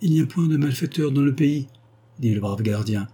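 A man's voice: medium pitch, normal speed, mellow, husky, voice pushed up, natural voice. A man reading aloud, voicing a loyal, plain-spoken old gardener who answers earnestly. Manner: earnest, reassuring.

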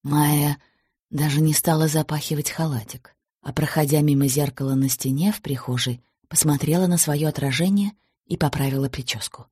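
A woman narrating an audiobook in a steady, plain storytelling manner. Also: deep voice, moderate pace, breathy edge, no echo, clean studio sound.

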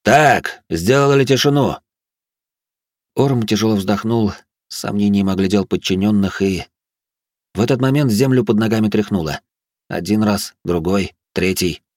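A man narrating a fantasy audiobook in a steady, measured way. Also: on the low side, no echo, clean studio sound.

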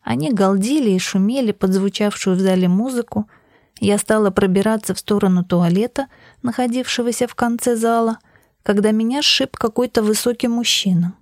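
A woman narrating an audiobook in the first person, with a measured, even storytelling delivery. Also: medium pitch, no echo, studio quality.

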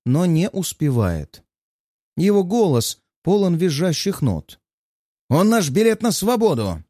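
A male audiobook narrator with an ironic, playful delivery and a pitch that rises and falls with lots of life. His tone is mellow and soft-edged, and the recording is close and dry. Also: no echo. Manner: ironic, lively storytelling. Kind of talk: first-person audiobook narration.

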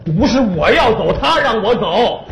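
A fed-up factory boss, highish voice that jumps around, quick comebacks. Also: male voice, very animated, vocal fry, fairly bright tone, a faint crowd, slight background noise, full character voice. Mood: exasperated. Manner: exasperated, quick retorts. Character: harried factory director, male, middle-aged, defensive. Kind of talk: stage comedy sketch.

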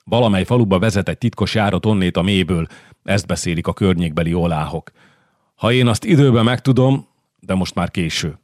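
A man voicing a gruff, hot-tempered middle-aged nobleman who bellows and curses bluntly in an audiobook. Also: low voice, darkish tone, no echo, clean studio sound, lightly acted. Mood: urgent. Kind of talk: audiobook character voice.

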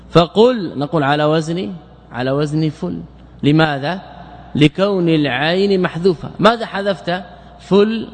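A sheikh gives a classroom lecture on Arabic morphology, explaining grammar in a fairly high-pitched voice. He repeats words and asks questions only to answer them himself, and his voice echoes through a reverberant hall.

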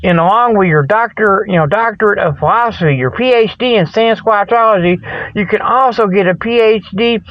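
Brisk and high, a man's voice comes through a dry, lo-fi recording. He's the host of a comic mock news report, delivering a rambling spoof of sports and ads in a colloquial, folksy way that keeps wandering off track.

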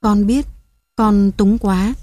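A man's voice: high-pitched, steady tone, takes it slowly, mellow, no echo. A woman reading the part of a poor father in debt, pleading and deferential.

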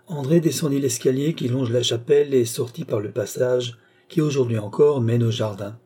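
A man reading a classic novel aloud in a measured, literary manner. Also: medium pitch, warm tone, breathy edge. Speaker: audiobook narrator.

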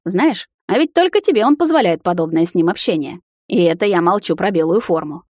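A cocky young vampire man read by a woman, smirking and teasing, who breaks into frantic, high-pitched shouting when he panics. The voice sits fairly low and sounds dry and close, as in a storybook audiobook. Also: animated, a little fast, no room sound. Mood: smug. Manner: mocking, then frantic shouting. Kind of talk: audiobook character reading.

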